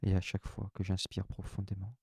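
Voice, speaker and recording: A man with a low, deep voice leads a guided relaxation session. He speaks in calm, soft, unhurried phrases, close and dry with no room sound. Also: husky, no echo. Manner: calm, soft, unhurried first-person instructions.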